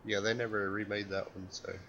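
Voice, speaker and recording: A laid-back man with a fairly low voice talks casually on a gaming podcast. His mic sounds dull and lo-fi. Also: flat delivery, a little fast, a bit bright. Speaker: podcast co-host.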